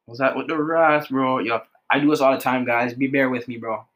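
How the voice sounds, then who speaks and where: A young man co-hosting a casual livestream chat, animated and slangy, tacking "bro" onto his lines. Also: medium pitch, brisk.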